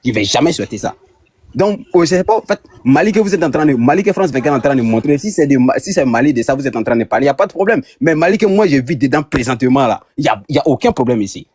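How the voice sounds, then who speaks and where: Ivorian man, husky voice, lively pitch, fast, hesitant, repeats himself, dry call audio. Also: dry recording. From Ivory Coast. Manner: hesitant, repeats words, gets defensive. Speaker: caller in an online debate. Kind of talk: heated debate.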